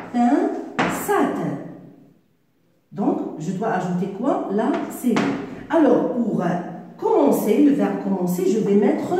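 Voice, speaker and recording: High, lively woman teaching in an echoey room. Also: distant mic, noisy background. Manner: explaining step by step, asking questions. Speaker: primary school teacher. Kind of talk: classroom grammar lesson.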